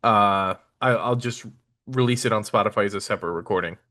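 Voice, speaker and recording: A man from New York co-hosting a podcast, talking in a relaxed, casual way. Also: lowish voice, a little fast. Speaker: podcast co-host. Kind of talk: casual chat.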